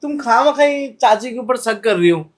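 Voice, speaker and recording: A woman's voice: on the high side, animated, normal speed, a little mellow. A woman playing a young husband caught cheating, who defends himself and begs forgiveness in a comic family skit. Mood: pleading. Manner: defensive, wheedling, pleading.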